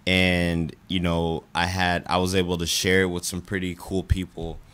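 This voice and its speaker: A man's voice: sits low, completely flat delivery, moderate pace, fairly bright tone, clear, resonant tone. A young man hosting a casual radio talk show from a studio, rambling with lots of fillers. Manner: rambling, friendly, many fillers.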